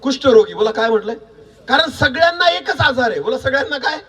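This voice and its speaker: A man preaching a sermon, quizzing the congregation with repeated questions and building to shouts. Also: very high voice, lively intonation, fast talker, breathy edge, recorded from a distance. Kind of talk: sermon with call-and-response.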